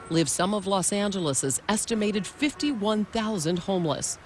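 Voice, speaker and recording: A woman's voice: medium pitch, a little hiss or hum. A woman giving scripted, polished voice-over narration for a TV news feature. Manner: measured, polished delivery.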